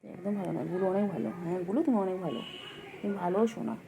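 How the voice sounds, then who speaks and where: A woman speaks to her cats at home, calling them over and mock-scolding them in affectionate baby talk. Her voice sits at an ordinary middle pitch for a woman. The home recording is noisy, with a steady hiss and household sounds behind her. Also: racing, creaky. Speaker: pet owner.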